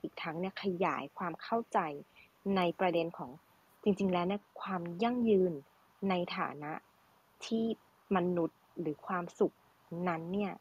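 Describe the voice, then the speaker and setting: ผู้หญิงพิธีกรเสียงแหบ พูดสุภาพ. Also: female voice, lowish voice, a little mellow, husky, muffled recording. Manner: polite, halting, searching for words. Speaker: moderator. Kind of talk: formal panel moderation.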